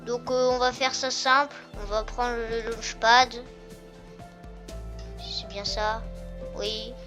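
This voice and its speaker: A woman's voice: a little high, little pitch movement, takes it slowly. A woman hosting a gaming video, commenting casually and thinking aloud as she tests things in the game. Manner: chatty, thinking aloud with fillers. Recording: game music playing behind.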